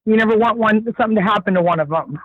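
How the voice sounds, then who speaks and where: A woman's voice: mid-range voice, very fast, dry recording. A woman guest on a podcast, chatting casually about a film and thinking aloud, with easy laughs. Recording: dull lo-fi sound.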